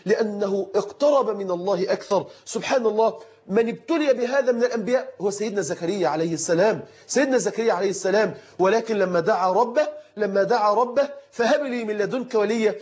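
Egyptian man preaching, fervent, emphatic, repetitive, rapid delivery, dull lo-fi sound. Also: high voice. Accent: Egyptian Arabic. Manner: fervent, emphatic, repeats phrases, rises to shouts. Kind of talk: sermon. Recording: dull lo-fi recording.

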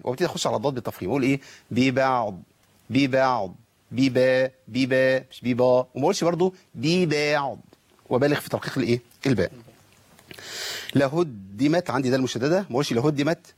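Fast-talking Egyptian tajweed teacher. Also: male voice, mid-range voice, lively intonation, a little mellow, slightly rough, no echo. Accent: Egyptian Arabic. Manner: asks and answers his own questions, models pronunciations. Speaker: Quran recitation teacher. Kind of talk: tajweed lesson with recited examples.

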